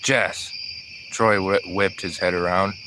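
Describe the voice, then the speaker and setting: A man narrating an audiobook in a steady, even reading voice. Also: deep voice, a little slow, background noise. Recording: crickets and insects in the background.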